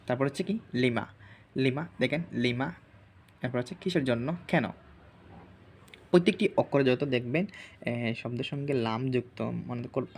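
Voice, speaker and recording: A man's voice: mid-range voice, a little mellow. A man teaching an Arabic vocabulary lesson over a screen share, repeating each word several times as a drill.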